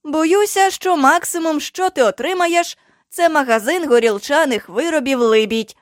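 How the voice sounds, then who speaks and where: A woman playing a calm, wry mystic guide. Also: high-pitched, moderate pace, no room sound, clean studio sound, close to an everyday voice. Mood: teasing.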